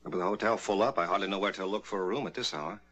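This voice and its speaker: An actor playing a plain-spoken, concerned rancher with a steady, polite manner in a vintage American TV suspense drama. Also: male voice, low voice, very fast, a little hiss or hum. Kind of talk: mid-century American TV suspense drama acting.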